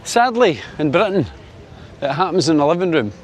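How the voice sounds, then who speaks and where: A Scottish man in his sixties records a casual opinion vlog to camera at normal speed with a sing-song voice. He chats wryly, fills his talk with fillers, and brightens his pitch over sunny Spain.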